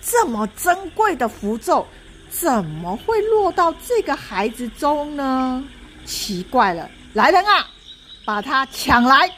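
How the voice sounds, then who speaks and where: A proud ghost general in a storybook, scornful and barking orders at his soldiers, as a woman narrator puts him on. He speaks slowly and with wide swings of pitch, over faint room noise. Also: sing-song, full character voice. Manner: scornful, commanding. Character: haughty ghost general, adult male.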